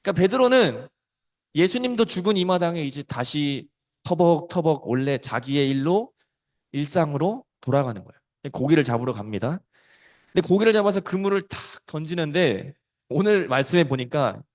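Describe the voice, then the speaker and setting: Male children's preacher, lively storyteller, raised pitch, loud-soft swings.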